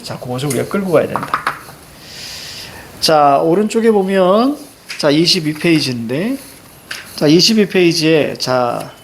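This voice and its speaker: A man's voice: a little high, a little hiss or hum. A man teaching a Korean reading class, walking students through a text and checking their understanding with short prompts. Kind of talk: classroom lecture.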